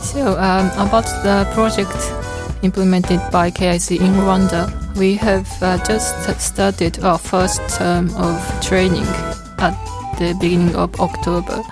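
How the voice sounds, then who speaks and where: A woman's voice: lowish voice, flat delivery, unhurried, music in the background. A woman giving a spoken report on a radio program.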